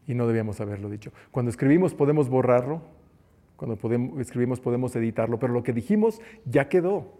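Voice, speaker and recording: A man's voice: medium pitch, animated, fast, warm tone. A man preaching a conversational sermon who acts out the quotes he tells. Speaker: preacher and teacher.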